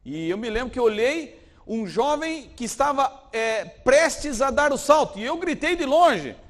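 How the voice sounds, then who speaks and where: A pastor preaching a sermon, swinging from loud, dramatic peaks to hushed passages. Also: male voice, very high-pitched, very animated, a little slow, long reverb tail.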